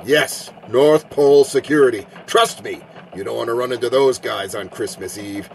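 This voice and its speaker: A self-assured elf reporter, voiced by a man, speaks with a knowing calm. His mid-pitched voice has a gravelly edge. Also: normal speed, a little hiss or hum, natural voice. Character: confident male elf field reporter.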